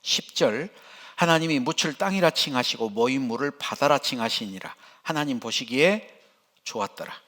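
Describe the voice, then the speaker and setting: An older man, a pastor, preaching a sermon in church with animated, folksy storytelling. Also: mid-range voice, normal speed.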